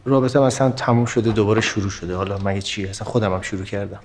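A man's voice: fairly low pitch, darkish tone, natural voice. An actor playing a young man who coldly brushes off his cousin's feelings, speaking in a curt, dismissive way. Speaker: actor in a TV drama. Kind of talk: TV drama acting.

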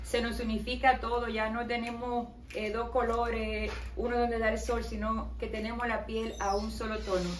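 A middle-aged woman with a Dominican Spanish accent explains her skincare products in an interview, in a steady promotional way with some hesitation fillers. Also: fairly high pitch, normal speed, hardly any pauses, a little hiss or hum. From Dominican Republic. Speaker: skincare company owner, interview guest. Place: small decorated showroom with balloons, indoors. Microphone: camera at a distance. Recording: roomy echo, voice from a distance.

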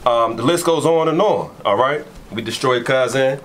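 A man preaching forcefully in a heated street debate, repeating and pressing his points. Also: mid-range voice, moderate pace, slight background noise.

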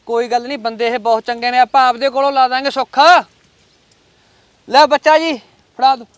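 A man's voice: extremely high pitch, little pitch movement, brisk, clear, resonant tone, no echo. A man acting a fake holy man who soothes and lectures devotees in a comedy short film. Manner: soothing, preachy.

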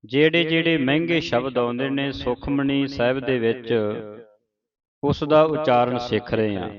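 A man teaching children to pronounce scripture, reciting slowly and carefully syllable by syllable. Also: medium pitch, dull audio. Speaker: Gurbani pronunciation teacher. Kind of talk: patient recitation lesson. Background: group of children.

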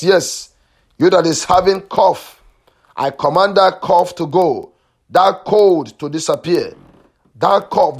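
A male pastor leads a prayer line with a slow, deliberate delivery. His voice sits a little high for a man. He chants the same phrases over and over and gives fervent commands, with stretches of speaking in tongues. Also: a little mellow. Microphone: phone or call line.

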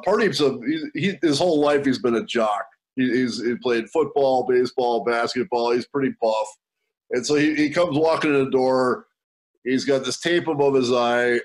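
Animated man telling a story. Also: mid-range voice. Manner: animated storyteller acting out quoted voices. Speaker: guest speaker. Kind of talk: storytelling talk.

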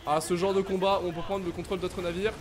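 A man hosting a let's play, giving excitable gaming commentary and making playful blaster sound effects. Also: high voice, quick pace, noisy background. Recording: game music in background. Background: game music.

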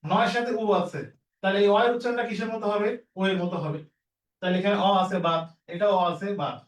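A man's voice: sits high, fast talker, reverberant, far from the mic, poor audio. A man teaching an exam-prep lesson, repeating each rule and quizzing his students as he works through the questions. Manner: repetitive, drilling rules with questions to students.

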